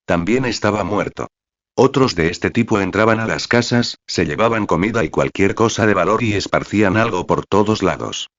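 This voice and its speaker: A man narrating a fan-fiction novel in the first person, in a steady read-aloud manner. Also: low voice, no echo. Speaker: novel reader. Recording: dry, slightly dull recording.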